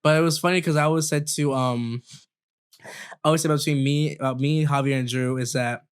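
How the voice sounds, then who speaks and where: A man in his twenties telling stories in a casual podcast chat, animated and full of swearing, acting out what other people said. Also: on the high side, a little fast, smooth. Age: 20s. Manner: animated, swears a lot, acts out quoted voices. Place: recording studio.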